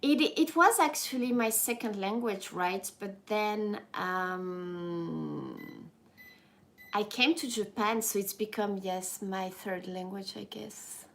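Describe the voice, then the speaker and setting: A French-accented woman in her thirties hosts a YouTube live stream, casually chatting with viewers and reading their comments. Her mid-range voice is slow, a bit bright, with vocal fry. She rambles frankly, keeps restarting and correcting herself, and laughs easily.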